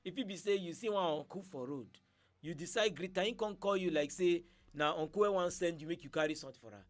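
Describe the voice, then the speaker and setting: A man with a Nigerian accent speaking Nigerian Pidgin, hosting a casual radio chat and telling stories in an animated way, acting out what people said. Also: high voice, quick pace. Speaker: radio show host.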